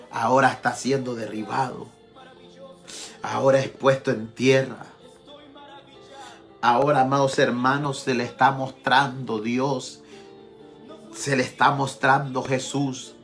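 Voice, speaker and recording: A man's voice: medium pitch, fairly bright tone. A man preaching a Pentecostal sermon as pastor, fervent and repeating his address to the congregation. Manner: impassioned preaching, repeats "amados hermanos". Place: church.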